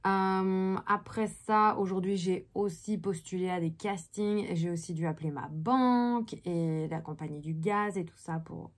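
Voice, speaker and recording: A woman's voice: lowish voice, unhurried, few pauses. A woman in her thirties from Belgium, an actress chatting casually about her day in a vlog, with many fillers. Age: 30s. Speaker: actress vlogger.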